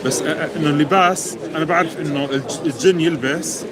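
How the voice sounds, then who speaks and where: A man's voice: on the high side, rapid-fire. A man from Britain with a Levantine Arabic accent, speaking hesitantly in a casual debate. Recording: outdoor street with busy crowd noise.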